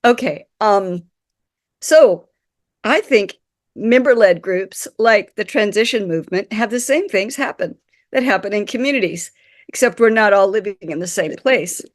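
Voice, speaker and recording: A woman with a croaky, nasal voice from a cold, giving a webinar talk as a guest speaker over a video call, apologetic and clearing her throat. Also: medium pitch, a little slow, no echo, studio quality. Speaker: guest speaker, community consultant.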